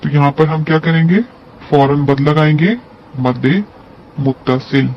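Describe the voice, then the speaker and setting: Slow, patient male teacher on lo-fi audio. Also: a little high. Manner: slow, patient, drawing out syllables to demonstrate. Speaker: Quran recitation teacher. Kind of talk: step-by-step lesson. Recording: dull lo-fi audio with faint hiss.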